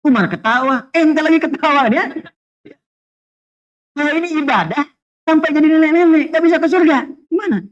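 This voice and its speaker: A man preaching a lively sermon to a congregation, telling humorous stories, asking rhetorical questions, and weaving in Arabic phrases. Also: very high-pitched, moderate pace, long pauses. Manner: animated storytelling with jokes and rhetorical questions. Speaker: Islamic preacher. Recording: dull lo-fi sound.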